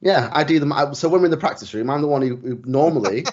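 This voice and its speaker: A man's voice: on the high side, animated, quick pace, highs cut off. A man co-hosting a casual band podcast, rambling with restarts and frequent giggles, recorded at home on a secondhand microphone. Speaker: podcast co-host. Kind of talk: casual chat. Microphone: secondhand desktop microphone.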